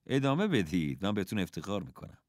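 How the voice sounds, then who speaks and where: A calm, patient teacher father, as a man reading a storybook puts him on. He sounds gentle and encouraging, with a lively rise and fall. The voice sits fairly low and sounds dry and close. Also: no room sound. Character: calm kindly father, a schoolteacher.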